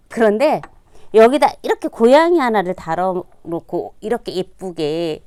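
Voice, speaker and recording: A middle-aged woman teaching a sewing class, talking casually as she demonstrates each step and dropping to a quiet murmur while she stitches. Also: mid-range voice, no room sound. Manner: demonstrative, repeats "like this" while working. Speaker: sewing instructor. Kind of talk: casual hands-on sewing tutorial. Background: sewing machine running.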